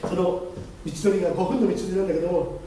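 A high-pitched male pastor tells his testimony at a brisk clip, acting out the other voices in his story. His voice is picked up from some distance in a heavily reverberant chapel, with faint noise underneath. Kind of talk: testimony sermon. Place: church chapel. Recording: very echoey hall, distant mic, faint noise.

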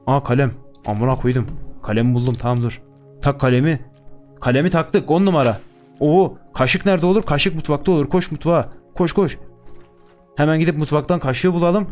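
A young man playing a game on camera, joking crudely and swearing constantly. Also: fairly high pitch. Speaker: gaming YouTuber. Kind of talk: let's-play commentary.

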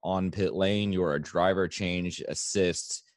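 A man's voice: low voice, steady tone, slow pace, dry recording, studio quality. A man hosting a motorsport podcast, welcoming a guest and asking friendly, conversational questions. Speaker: podcast host. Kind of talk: casual interview hosting.

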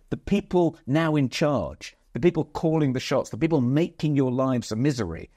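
Male co-host, rambling and thoughtful, mid pitch, dry studio sound. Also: a little mellow, no echo. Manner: discursive, hesitant, with many restarts. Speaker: podcast co-host. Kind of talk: casual political chat.

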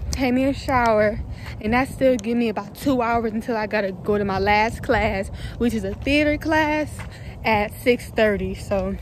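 A young woman, a college student, vlogging her day around campus in a chatty, slangy way, talking straight to her viewers. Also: fairly high pitch. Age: young adult. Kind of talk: casual vlog chat. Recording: noisy campus background.

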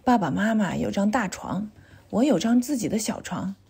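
Woman storyteller for a children's read-aloud, lively intonation, clear delivery. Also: medium pitch, normal speed, slight background noise.

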